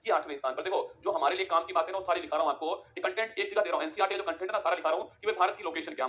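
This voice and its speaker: A man teaching an exam-prep geography lesson, drilling facts with quick repeated rhetorical questions. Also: high voice, a bit bright.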